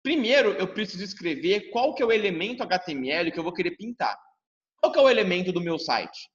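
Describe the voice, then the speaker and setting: A man's voice: sits high, expressive, brisk, a bit bright. A Brazilian man teaching a class, talking directly to his students and acting out their questions. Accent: Brazilian Portuguese. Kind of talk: lively classroom lesson. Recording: dull sound with long reverb.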